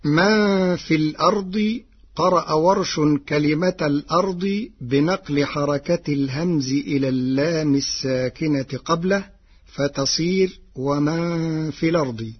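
Slow, husky-voiced man explaining recitation rules. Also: fairly high pitch, highs cut off. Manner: slow, careful, deliberate delivery. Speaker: presenter explaining Quran readings. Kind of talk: scripted religious explanation.

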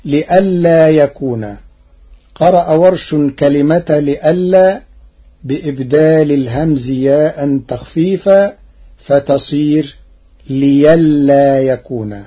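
A man teaching Quranic recitation rules in a measured, methodical way, quoting each verse slowly and drawn out. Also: on the high side, husky, dull audio.

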